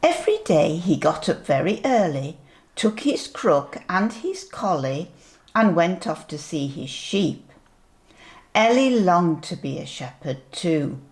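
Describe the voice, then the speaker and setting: A sweet grandmotherly older woman reading a picture book aloud to young children, gently pointing things out as she goes. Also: lowish voice, sing-song. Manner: slow, deliberate storytelling with asides.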